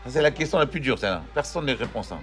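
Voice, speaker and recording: A man teaching a Torah class, animated, asking his students questions and joking with them. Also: medium pitch, fast talker, faint music behind.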